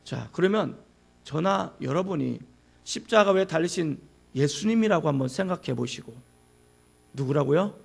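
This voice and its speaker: A man's voice: a little high, expressive, moderate pace, gravelly, slightly rough. A male pastor preaching a sermon, who asks the congregation questions and acts out anguished cries.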